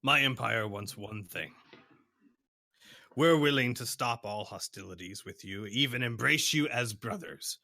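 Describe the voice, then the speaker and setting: A man's voice: medium pitch, unhurried, gravelly, bright, forceful tone. A man voicing an imperious, impatient envoy of a galactic empire in a tabletop game, formal, demanding and pompous. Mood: stern, demanding.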